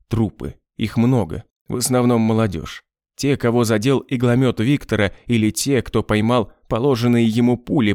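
A man narrating a novel in an even, measured storytelling voice. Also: on the low side, dry recording, studio quality. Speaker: audiobook narrator. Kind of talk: scripted narration.

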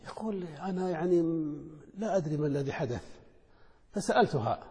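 A man teaching a lesson in a measured, explanatory way, posing questions and answering them himself. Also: fairly high pitch, animated, dark tone. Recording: long hall reverb.

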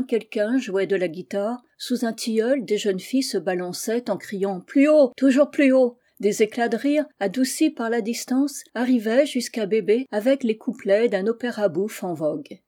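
Mellow woman reading a novel aloud. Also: medium pitch. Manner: measured, expressive reading. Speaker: narrator. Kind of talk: audiobook narration of a classic novel.

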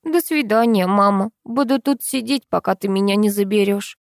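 A woman voicing a timid, sad little boy in an audiobook, speaking quietly. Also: medium pitch, moderate pace, no echo, studio quality, close to an everyday voice. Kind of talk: audiobook character voice.

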